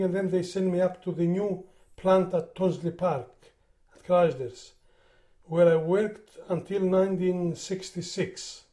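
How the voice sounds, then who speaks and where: In an oral history interview, an older Greek man with a high, mellow voice talks about the work he did over his life. He speaks English as a second language with a Greek accent and tends to repeat words as he gropes for them.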